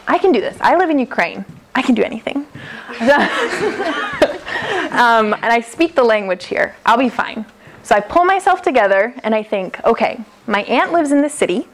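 A woman's voice: on the high side, very animated, normal speed, slight background noise. A young American woman telling a personal story live, chatty and laughing often, acting out the quoted lines, heard from a camera across an indoor hall. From United States. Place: classroom-style hall, indoors. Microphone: far camera.

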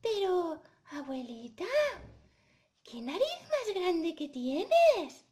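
A woman's voice: big pitch swings, slow, heavily acted. Caperucita, woman doing a chirpy little girl. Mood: amazed. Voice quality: high, chirpy, exclaiming.

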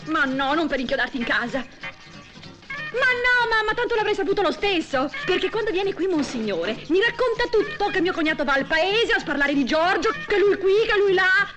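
An actress playing a gossipy young wife chattering on the phone to her mother in a 1960s film, quick to take offence. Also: very high voice, big pitch swings. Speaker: housewife on the phone. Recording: 1960s film soundtrack with music behind.

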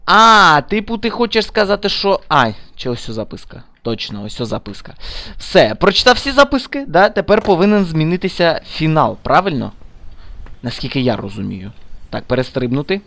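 A man's voice: fairly high pitch, big pitch swings, moderate pace, sharp tone, no room sound. A man giving casual let's-play commentary, chatty and muttering to himself, scolding the game characters as he plays.

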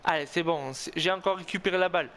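A man giving excited, tense commentary on his own football video game, repeating words as he cheers himself on. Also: fairly high pitch, fast talker, slight background noise. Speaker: gaming video host.

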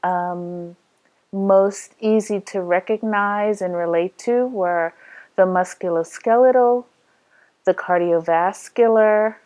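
A woman from New York, a physician, giving a deliberate, thoughtful testimonial. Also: mid-range voice, darkish tone.

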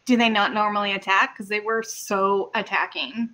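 A woman's voice: medium pitch, steady tone, moderate pace, sharp tone. A woman playing in a tabletop game, chatting in an eager, casual way. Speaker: player.

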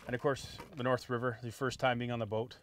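A man in his forties hosts a fishing show from a boat, talking casually about his gear into a lapel mic. His voice sits at a medium pitch and moves quickly, with slight background noise. He's relaxed and chatty, tacking "right?" onto his lines.

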